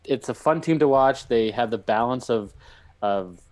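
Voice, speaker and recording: A man's voice: medium pitch, moderate pace. A man co-hosting a casual sports podcast, giving blunt, opinionated takes with casual swearing. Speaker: podcast co-host.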